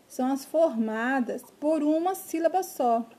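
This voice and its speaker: Woman teacher, video lesson for kids, slow, soft mellow voice, spells out syllables. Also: high voice, animated. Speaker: primary school teacher. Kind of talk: remote video lesson for children.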